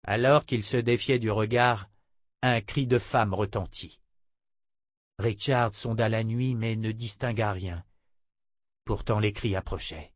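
A man narrating a fantasy audiobook in a steady, measured voice. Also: lowish voice, no room sound, studio quality. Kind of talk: scripted narration.

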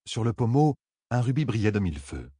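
A man reading a fantasy audiobook aloud with measured, dramatic delivery. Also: on the low side, sing-song, dark tone, husky, no echo, clean studio sound. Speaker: audiobook narrator.

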